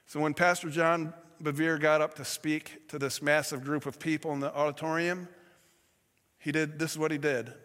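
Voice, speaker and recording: A man preaches a sermon in a storytelling way, stumbling over words and correcting himself as he goes. His voice sits a little high for a man. A long reverb trails behind him, as in a large hall. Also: flat delivery, moderate pace, fairly bright tone. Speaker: pastor.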